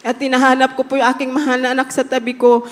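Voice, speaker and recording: A fervent woman gives her testimony in a church hall, her high, fairly even voice ringing with a long reverb. She keeps breaking into hallelujahs as she thanks God before the congregation. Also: fast. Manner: fervent, often calling out hallelujah. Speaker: church member giving testimony.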